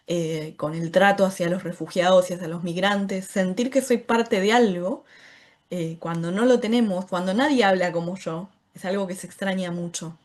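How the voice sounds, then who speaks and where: Argentine woman, course teacher on a video call, explanatory lecturing, mid pitch. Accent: Argentine Spanish. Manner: explanatory, often asks "¿sí?" to check in. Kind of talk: online class lecture.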